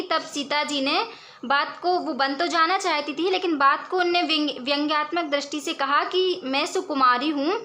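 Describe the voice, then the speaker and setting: Bright high-voiced woman teacher. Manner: reads verse lines slowly, then explains patiently. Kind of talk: explaining poetry examples.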